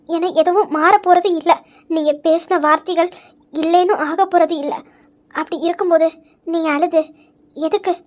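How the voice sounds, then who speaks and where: A woman voicing a young woman in an audio story who comforts a crying friend, gently but firmly pointing out her mistakes. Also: very high voice. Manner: gentle but firm, reasoning and reproaching.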